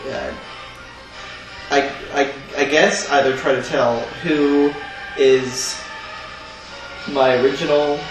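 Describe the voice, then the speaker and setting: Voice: medium pitch, steady tone, slow, long pauses. A player in a tabletop game, hesitant and thinking aloud. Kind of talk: casual tabletop play. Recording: echoey room off mic with music.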